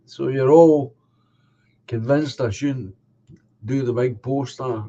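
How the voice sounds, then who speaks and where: An older man hosts a stream, chatting casually and responding to viewers' comments one at a time. His medium-pitched voice is warm, slow, nasal, and slightly congested, and he coughs now and then, with dull audio.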